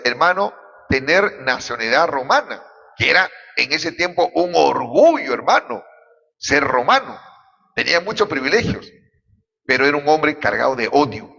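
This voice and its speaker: A man's voice: on the high side, bright, forceful tone. A man from Peru, a pastor preaching a fervent sermon and constantly calling out to the congregation. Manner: fervent, repeatedly addressing the congregation. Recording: dull echoey hall recording.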